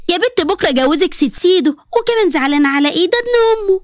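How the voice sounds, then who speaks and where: A woman's voice: very high-pitched, animated, fast, dry recording, clean studio sound. Woman doing a brash, mocking Egyptian girl. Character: cheeky sharp-tongued young woman meddler.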